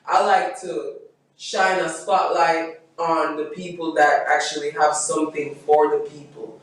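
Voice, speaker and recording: A woman's voice: deep voice, steady tone. Bubbly woman guest, echoey room. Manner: bubbly, playful, quick to laugh. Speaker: radio morning-show host, guest. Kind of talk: upbeat guest interview. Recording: echoey room, distant mic.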